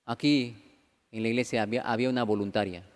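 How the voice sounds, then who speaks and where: A man preaches in a conversational style, constantly asking his congregation rhetorical questions and slipping into the voices of churchgoers. His voice sits at an ordinary middle pitch. Long reverb from a church hall trails every phrase. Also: fairly even intonation, fast talker. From Peru. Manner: acts out quoted voices of churchgoers. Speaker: pastor. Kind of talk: conversational sermon.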